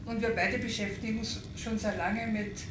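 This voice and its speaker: A woman's voice: medium pitch, fairly even intonation, normal speed. A woman secondary school teacher giving a hesitant self-introduction at a round-table meeting. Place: large wood-panelled hall indoors. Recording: echoey hall, camera far off, hiss.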